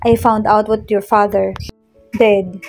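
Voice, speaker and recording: A woman's voice: medium pitch, little pitch movement, slow pace, darkish tone, faint music behind. A woman voicing a hurt but defiant young fiancée, firm and strained, in a read-aloud love story.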